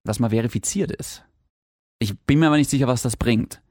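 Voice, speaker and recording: A man's voice: mid-range voice, fairly quick, a little mellow, no room sound, studio quality. A man with an Austrian accent, chatting casually as a podcast co-host, laughing often and reading messages aloud. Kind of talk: casual chat.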